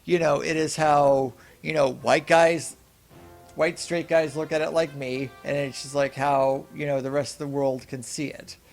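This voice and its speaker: A young man co-hosting a casual film podcast, rambling with restarts and animated asides. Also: fairly high pitch, unhurried, vocal fry, faint music behind. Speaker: podcast co-host. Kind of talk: casual film review chat.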